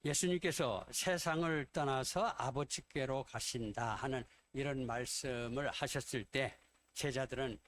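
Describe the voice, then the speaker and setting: A man's voice: mid-range voice, a little hiss or hum. A man pastor preaching a sermon in Korean, retelling scenes and acting out the quoted dialogue.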